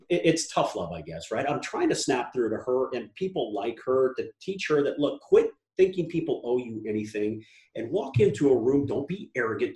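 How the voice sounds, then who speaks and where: A man's voice: a little high, a little mellow, echoey room. A man talking on a podcast in a casual, blunt way, telling stories with lots of animation and swearing freely.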